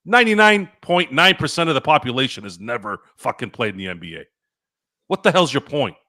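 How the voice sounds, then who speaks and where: A man's voice: medium pitch, sing-song, fairly quick, pushed and bright. A man hosting a sports talk show, ranting with heated, profane opinions. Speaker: sports podcast host.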